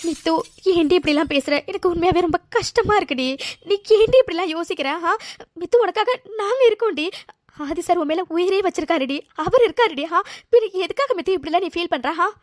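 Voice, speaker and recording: Brief: woman as loyal protective cartoon friend; quick, high, emphatic, close dry mic. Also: expressive, dry recording. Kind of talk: cartoon voice acting.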